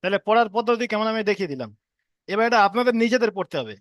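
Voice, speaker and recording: A man teaching an online class on reading letters, who chants drawn-out letter sounds between quick explanations. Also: high voice, very animated, no echo, studio quality. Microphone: own microphone on an online call.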